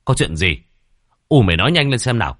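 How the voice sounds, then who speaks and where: A man's voice: low-pitched, unhurried, bright, forceful tone, husky, no room sound, clean studio sound, full character voice. A man playing a worried middle-aged village husband who presses with urgent questions. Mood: alarmed urgency.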